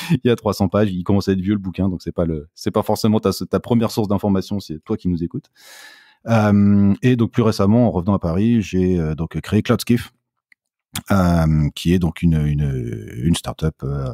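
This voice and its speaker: A man in his forties with a very low, dark voice, speaking as a guest in a casual technical interview. He talks in a hesitant way, full of fillers and restarts. The sound is dry and close. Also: no echo. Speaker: guest, startup founder.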